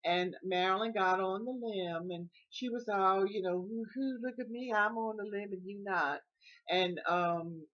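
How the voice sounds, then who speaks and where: A woman's voice: mid-range voice, muffled recording. Folksy woman telling a story. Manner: folksy, laughing as she tells it. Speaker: vlogger. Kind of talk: storytelling vlog.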